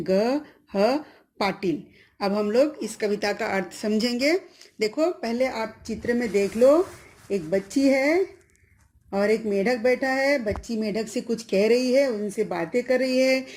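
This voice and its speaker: A woman's voice: fairly high pitch, a little mellow. A middle-aged woman teacher giving an online lesson to children, patiently explaining each word and asking the class questions.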